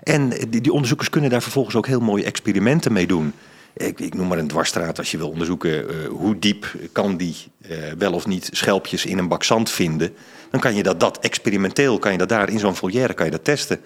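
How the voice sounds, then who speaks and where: In a fairly quick, low-pitched voice, the middle-aged author and science journalist explains in a casual interview. His answers are peppered with ums and false starts.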